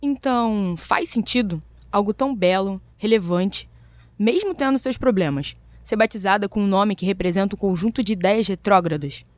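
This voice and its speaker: A woman's voice: medium pitch, normal speed, no echo. A Brazilian woman giving earnest scripted narration for a podcast.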